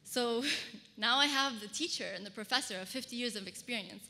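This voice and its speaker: On stage at a conference, a woman from Kuwait who designs fashion and speaks publicly recounts a personal story. Her voice leans high and comes out bright and forceful at a slightly fast pace. The hall is large and reverberant, and her talk is amplified for the audience.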